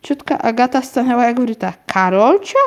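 A woman reading a children's story aloud in a calm, even way, with the odd small slip. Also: fairly high pitch, moderate pace. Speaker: narrator.

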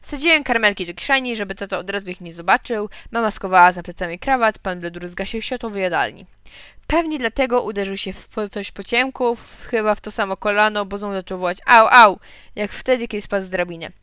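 A woman narrating a children's storybook in a lively, expressive way. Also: medium pitch, fast talker, clean tone, dry recording, studio quality. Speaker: audiobook narrator. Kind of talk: storybook reading.

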